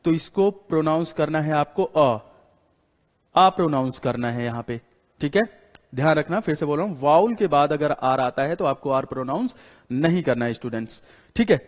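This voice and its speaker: A man with an Indian accent teaches an English class, writing on the board, repeating each rule and firing questions at his students. His voice sits a bit high for a man. It rings with a long reverb from the hall around him. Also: expressive, moderate pace. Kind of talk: classroom lecture in Hindi.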